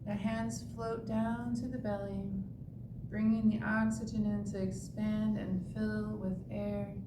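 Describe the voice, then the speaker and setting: A woman tai chi instructor giving serene, meditative movement and breathing cues with long pauses. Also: flat delivery. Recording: echoey, distant mic with clear rumbling noise.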